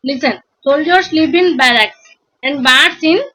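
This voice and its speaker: A woman's voice: high voice, measured pace, pushed and bright, low-quality recording. A woman teacher from India, explaining an English lesson to pupils, repeating herself and quizzing the class. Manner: repetitive, questioning the class, acts out pupils' excuses.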